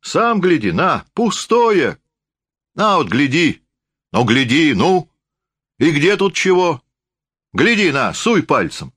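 Brief: drunk, rough old forester, played by a man, hoarse and loud, stretched slurred words. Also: a little high, sing-song, slow pace, long pauses, no room sound, studio quality, voice pushed up, exaggerated voice. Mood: drunk blustering. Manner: hoarse, slurred folksy speech.

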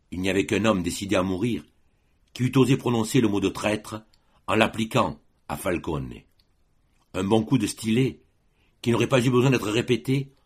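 Husky-voiced man reading a classic story. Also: fairly low pitch. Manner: expressive, measured storytelling. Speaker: audiobook reader. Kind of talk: audiobook narration.

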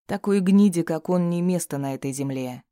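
A man's voice: on the high side, moderate pace, dark tone, clear, resonant tone, no echo, studio quality. A man narrating a first-person audiobook in a tense, grim manner.

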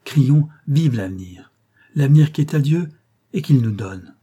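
A man's voice: medium pitch, lively intonation, unhurried, mellow, breathy edge, voice pushed up. A man reading an audiobook, voicing a proud and loving young princess in hiding, with solemn, declamatory delivery. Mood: earnest.

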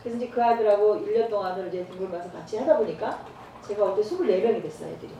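A woman's voice: medium pitch, very fast. Woman preaching in an echoey church hall. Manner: storytelling, acts out dialogue with lively voices. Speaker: evangelist preacher. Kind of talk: church training talk with anecdotes. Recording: roomy church hall, far from mic, faint noise.

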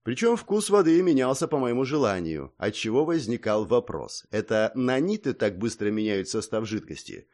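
Male audiobook narrator with lively intonation. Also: mid-range voice, normal speed, hardly any pauses. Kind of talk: scripted first-person narration.

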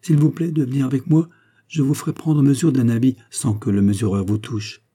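A polite, clever playwright in a classic storybook, as a male reader plays him. He is courteous and ingratiating. The voice sits a little higher than the reader's dark, husky one. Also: fairly even intonation, a little fast, lightly acted.

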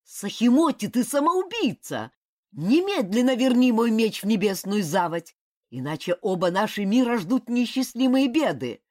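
A woman reading the part of a furious male wind god who shouts commands. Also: fairly high pitch, big pitch swings, moderate pace, voice pushed up. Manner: loud, desperate, commanding.

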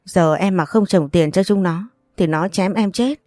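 A woman's voice: on the low side, unhurried, warm tone, dry recording, studio quality, close to an everyday voice. A woman voicing a remorseful younger man who begs his older brother for rescue in a read-aloud story. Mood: begging. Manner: begging, remorseful. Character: desperate younger man, gambler begging forgiveness.

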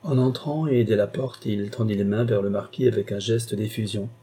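A man narrating a classic novel aloud in an even, measured manner. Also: fairly low pitch, slightly rough. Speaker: audiobook narrator.

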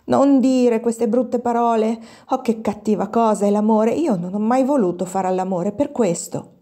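A woman reading an audiobook and voicing a kind, sensible young schoolgirl in a soft, breathy voice. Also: fairly high pitch, moderate pace, pitched above the performer's own voice, natural voice. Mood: gentle, caring. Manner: gently compassionate.

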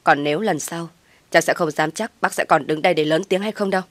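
A woman's voice: fairly low pitch, quick pace, no room sound, close to an everyday voice. A woman voicing a stern, protective older brother who speaks threateningly, in a storybook reading.

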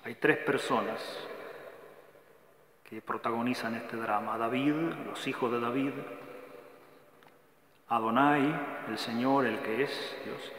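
A man's voice: medium pitch, steady tone, slow pace, pauses often, a bit bright. Male friar teaching on a psalm, emphatic in his recitations, recorded in a roomy hall. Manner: frequent checking "eh?" tags; emphatic recitation of verb lists. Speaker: Dominican friar lecturing on a psalm. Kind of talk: scripture lecture. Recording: echoey hall with faint background noise.

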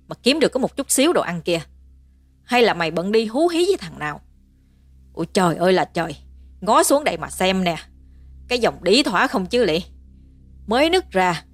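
A woman's voice: medium pitch, no echo. A woman voicing a middle-aged peasant mother who screeches curses and insults at her daughter. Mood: scolding. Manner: screeching, cursing tirade.

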